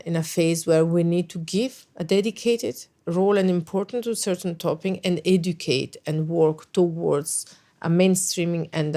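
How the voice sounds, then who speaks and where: A middle-aged Italian woman, Italian being her first language, speaks English in a low, gravelly, warm voice. She is a guest, a NATO special representative, answering interview questions thoughtfully with frequent hesitations and restarts.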